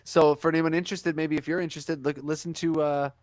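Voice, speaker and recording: A man co-hosting a casual podcast, earnest and preachy, sometimes rattling off words fast. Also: fairly high pitch, flat delivery, no room sound. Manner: earnest, preachy, talks about hidden truths, sometimes fast. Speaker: podcast co-host. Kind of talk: casual chat.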